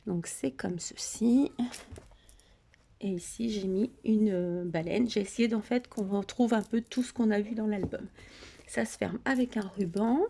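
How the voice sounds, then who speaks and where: A woman casually showing her scrapbook album, hesitant and full of fillers, often dropping into a soft half-whisper. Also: mid-range voice, gravelly, slightly rough. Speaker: scrapbooking vlogger. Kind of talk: casual craft show-and-tell.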